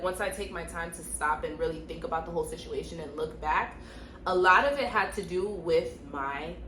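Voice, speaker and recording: A young woman talks straight to camera, direct and emphatic, hammering her points home by repeating them. Her voice sits a little low, and the room around her rings with echo and a faint hum behind. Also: fairly bright tone. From Miami, Florida. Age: young adult. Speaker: nurse and vlogger. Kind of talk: casual storytime advice.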